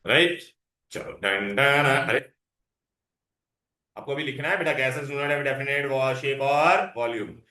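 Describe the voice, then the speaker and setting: Male teacher, Indian accent, bright forceful voice, roomy echo. Question-led classroom delivery, English with Hindi words mixed in. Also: medium pitch, quick pace, long pauses. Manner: asks frequent questions, prompting for answers. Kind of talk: interactive classroom science lesson. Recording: echoey, roomy sound.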